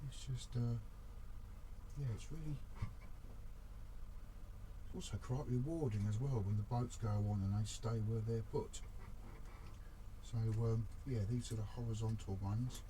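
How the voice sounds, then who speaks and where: A man's voice: fairly low pitch, steady tone, unhurried, long pauses, mellow, slight background noise, poor audio. A man casually talking through a model ship build, chatty and self-deprecating, muttering to himself as he works.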